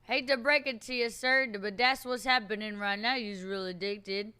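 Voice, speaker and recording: A woman's voice: a little high, fairly even intonation, moderate pace, bright, forceful tone, smooth. A woman in an in-character western role-play, talking in a brash, teasing way with folksy, ungrammatical speech.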